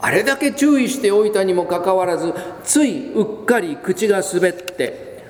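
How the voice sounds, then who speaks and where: A male pastor delivers a sermon in a fairly high voice that swoops up and down with animated storytelling. He stretches out the words he wants to stress and slips briefly into the people he quotes. His voice rings through a large church hall with a long reverb trail. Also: normal speed.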